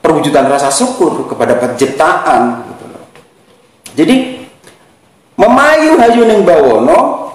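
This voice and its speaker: Javanese man as a spiritual teacher, lively high voice, emphatic and repetitive, heavy room echo. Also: unhurried, pauses often. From Java. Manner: emphatic, repeats key phrases, mixes in Javanese. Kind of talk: teaching talk. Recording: very echoey room.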